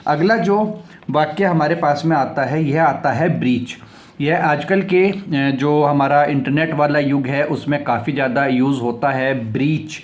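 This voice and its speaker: A man with a somewhat raised pitch explains English words in a vocabulary lesson. He spells every word out letter by letter, says it several times over, and reads example sentences without rushing.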